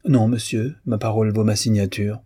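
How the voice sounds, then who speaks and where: A man voicing a proud, clever young man who answers politely and with quiet confidence. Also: lowish voice, little pitch movement, moderate pace, breathy edge.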